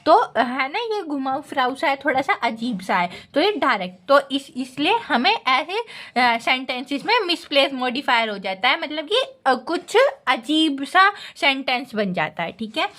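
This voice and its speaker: An Indian woman teacher giving an exam-focused grammar lesson. She reads English lines slowly, then explains each one, often tagging "ठीक है". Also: high voice, very animated, fairly bright tone.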